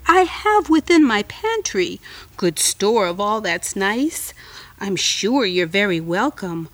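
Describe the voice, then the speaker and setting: A woman putting on a low, coaxing spider. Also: very animated, slow pace, dry recording, recorded from a distance. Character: cunning sweet-talking male spider.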